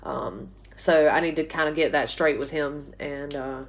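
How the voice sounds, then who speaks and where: Recorded on a phone at arm's length in her small bedroom, this casual class announcement comes from a college writing instructor in her twenties. Her voice is low and a bit hoarse from a sore throat, and she talks unhurriedly, chatty and rambling with plenty of ums and restarts.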